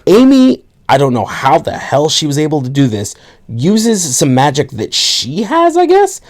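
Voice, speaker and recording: Young male podcast co-host, lively pitch, sarcastic plot recapper. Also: unhurried. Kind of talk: casual movie review chat.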